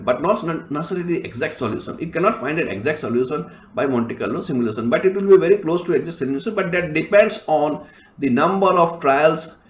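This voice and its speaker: A male professor giving a recorded lecture, explaining step by step with many fillers and frequent throat clearing. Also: fairly high pitch, roomy sound.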